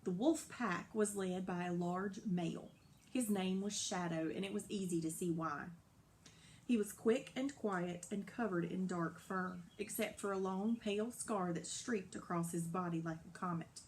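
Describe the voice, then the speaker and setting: A woman narrating a children's novel aloud in a lively, dramatic storybook style. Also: on the low side, normal speed, a little hiss or hum. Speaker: audiobook narrator.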